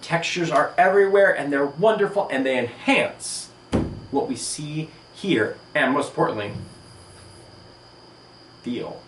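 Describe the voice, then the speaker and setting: This art teacher's voice sits on the high side, and he delivers his enthusiastic, animated video lesson at a measured pace with long pauses. There's a little hiss or hum over the roomy, distant-mic sound of the indoor room with its table and sandstone wall.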